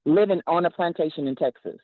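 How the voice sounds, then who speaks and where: A man tells a family story in a calm, measured way. His voice sits a little high. It comes through a dry, tinny phone line. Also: no room sound.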